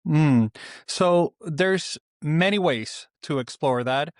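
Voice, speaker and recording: A middle-aged man from Venezuela, calmly explaining ideas as a guest author in an interview, with small pauses. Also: a little high, no echo, studio quality. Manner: calm, explanatory, with frequent "uh" pauses. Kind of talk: reflective interview answers.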